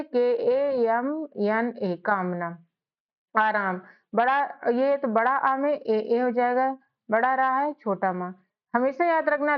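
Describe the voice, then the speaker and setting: A woman runs a spelling lesson and spells each word out one letter at a time. Her voice sits a little high. The recording sounds dull and lo-fi. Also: smooth. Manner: slow spelling out of letters, repeating words. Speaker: English teacher, channel host.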